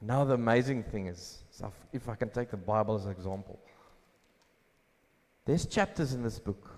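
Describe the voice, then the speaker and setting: A pastor preaching a sermon at a pulpit microphone, asking questions and answering them himself with emphasis. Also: male voice, fairly low pitch, animated, moderate pace, a little mellow. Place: church hall. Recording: long hall reverb.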